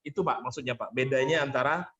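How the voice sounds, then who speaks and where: A man's voice: mid-range voice, fast talker, fairly bright tone, dull audio, slight background noise. A man running an online workshop as a vocal training coach, explaining patiently and thanking participants often.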